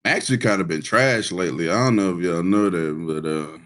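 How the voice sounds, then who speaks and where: A man's voice: low-pitched, fairly quick, fairly bright tone. A man on a casual group voice chat, hesitant and drawling as he thinks aloud.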